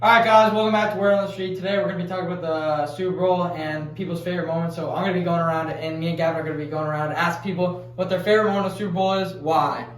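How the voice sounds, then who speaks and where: A man's voice: sits high, fairly even intonation, racing, few pauses, over music. Teenage boy, student segment host, distant echoey recording. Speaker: street-interview host. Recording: echoey space, distant mic.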